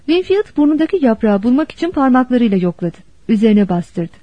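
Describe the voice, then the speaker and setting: A woman narrating a novel as an audiobook in a steady, expressive storytelling manner. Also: on the high side, fairly quick, no room sound. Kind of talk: scripted narration. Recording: dull dry lo-fi recording.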